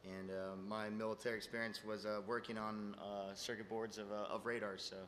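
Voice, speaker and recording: Twenties guy on a panel, bright voice, lots of uhs. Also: fairly low pitch, level tone, brisk, slight background noise. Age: 20s. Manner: hesitant, many fillers. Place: conference hall.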